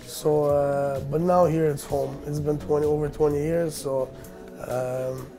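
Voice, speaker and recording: Born in Russia, raised in Canada and of Armenian origin, this man in his thirties runs a business and responds to an interviewer loosely, stumbling through fillers and false starts. His somewhat high voice is flat, mellow and unhurried, with soft music in the background.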